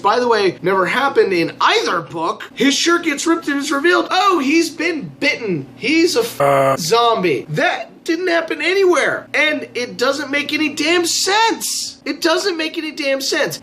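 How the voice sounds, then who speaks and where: A man's voice: high voice, fairly bright tone. A tipsy man giving an opinionated movie review in an emphatic rant, repeating phrases for stress. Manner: tipsy, drink-loosened delivery. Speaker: film reviewer.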